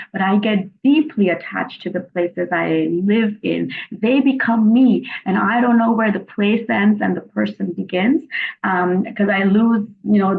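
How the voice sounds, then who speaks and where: A woman guest on a podcast, talking in an earnest, emphatic way and slowing down to stress key phrases. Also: mid-range voice, gravelly. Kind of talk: reflective interview talk. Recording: tinny phone-like remote call audio.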